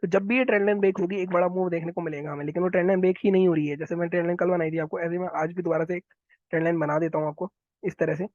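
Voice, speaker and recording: A man talking viewers through market charts, quick and instructive, often repeating his phrases. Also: high-pitched, fairly even intonation, a little mellow, dry recording, highs cut off. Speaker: stock market analyst. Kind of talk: chart analysis walkthrough.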